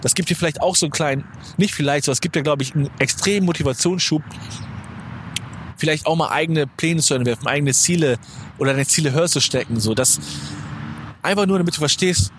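Outside near a supermarket, a man from Germany in his twenties hosts his podcast with a slangy, motivational ramble, often correcting himself. He talks fast in a slightly high voice, while traffic and street noise are clearly audible.

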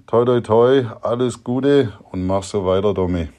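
A man's voice: fairly low pitch, a little slow, dark tone. A man, a father recording a fond, reminiscing message to his son, with some hesitant fillers.

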